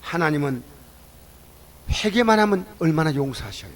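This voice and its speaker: A man preaching a sermon at a church service. He questions the congregation and swings between loud exclamations and low asides. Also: very animated, moderate pace, low-quality recording. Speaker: pastor.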